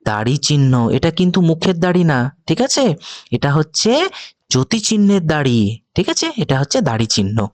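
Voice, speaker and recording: A woman's voice: very animated, moderate pace, a little mellow, no echo. A woman from West Bengal teaching a demo lesson on punctuation, often asking questions to check understanding. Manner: questioning, checks "ঠিক আছে?" often, sing-song teacherly pitch swings.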